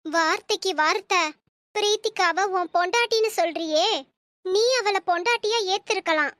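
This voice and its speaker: In cartoon story voice acting, a woman plays a stern, manipulative, scheming middle-aged mother with a shrill, slightly bright voice at normal speed. She scolds and lectures, then switches to fake tearful pleading.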